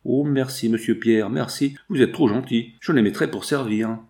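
A man's voice: mid-range voice, normal speed, vocal fry, darkish tone, close to an everyday voice. A man voicing a cheerful young woman who serves at an inn, chatty and eager, in an audiobook reading.

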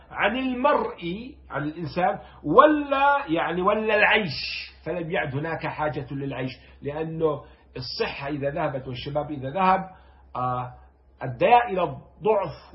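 Fast-talking man explaining poetry. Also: medium pitch. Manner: animated, rising loud when stressing a point; quotes verses slowly and gravely, then explains in dialect. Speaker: poetry teacher. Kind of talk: explaining classical poetry line by line. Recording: dull lo-fi sound.

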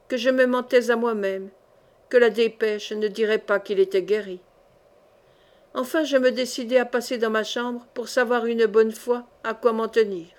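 Une femme qui lit un roman à voix haute, d'une lecture lente et mesurée. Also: female voice, a little high. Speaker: audiobook reader. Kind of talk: scripted narration of a novel.

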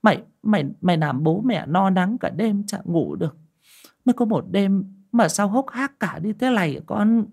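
A man voicing a fretful old rural mother in a high, wailing voice, in a spoken horror tale. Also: lively intonation, moderate pace, creaky, darkish tone, husky, exaggerated voice. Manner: wailing, scolding.

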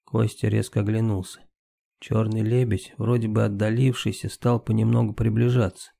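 A man reading a story aloud as an audiobook narrator, steady scripted narration. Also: lowish voice, moderate pace, creaky, dry recording, clean studio sound.

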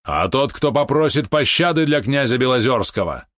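A man's voice: mid-range voice, very animated, normal speed, a bit bright, dry recording, clean studio sound, voice pushed up. A man voicing a commanding warrior prince in an audiobook, stern and mocking.

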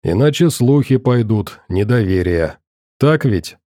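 A man's voice: on the low side, animated, dark tone, dry recording, studio quality. A man voicing a coldly polite middle-aged interrogator in an audiobook, courteous and probing. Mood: pointedly polite. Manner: pointedly courteous, probing, deliberate.

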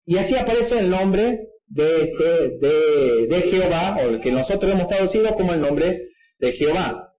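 Man, high voice, patient Bible teacher, echoey room. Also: lively intonation, normal speed, dark tone, dull audio. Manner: didactic, frequent checking "¿sí?" asides. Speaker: preacher teaching at a whiteboard.

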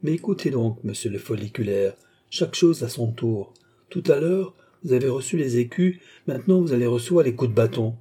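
A man's voice: mid-range voice, animated, a little fast, warm tone, husky. Man voicing a curt military young nobleman. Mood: threatening. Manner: clipped, commanding, threatening.

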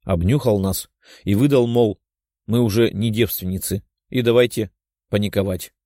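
A male reader narrating a fantasy story in a steady, even manner. His voice is fairly low and mellow, recorded close and dry with no room sound. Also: normal speed, no room sound. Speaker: audiobook reader.

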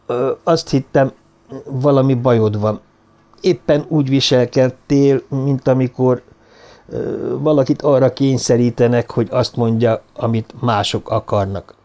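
An apologetic, uneasy man in a spoken-word novel, as a male narrator voices him. He hesitates and stumbles over his words in a dark, mellow, low-pitched tone. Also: steady tone, lightly acted. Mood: hesitant. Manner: hesitant, with fillers.

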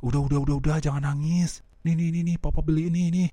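A man's voice: on the high side, flat delivery, fast, dark tone, no echo, voice pushed up, close to an everyday voice. A man voicing a flustered father who hurriedly soothes his crying child, repeating himself.

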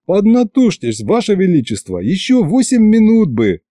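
An eager young hero, as a male narrator voices him, lifting his voice high with excitement. His delivery swings animatedly, and the tone stays mellow and dry. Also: moderate pace, dry recording. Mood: excited. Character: excitable young man, quick-witted hero. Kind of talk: audiobook character voice.

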